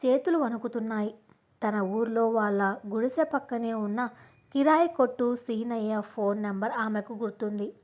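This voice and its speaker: A woman narrating a dramatic audio story in a measured, scripted storytelling manner. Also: on the high side, a little mellow.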